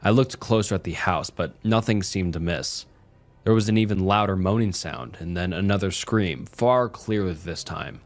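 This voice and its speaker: A man reading a scripted first-person horror story in a steady, measured way. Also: low voice. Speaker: narrator. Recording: soft music underneath.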